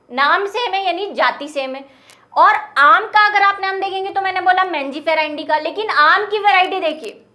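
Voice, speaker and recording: High-voiced woman teaching biology. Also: bright, forceful tone. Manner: explains step by step with frequent rhetorical questions. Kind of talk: classroom lecture.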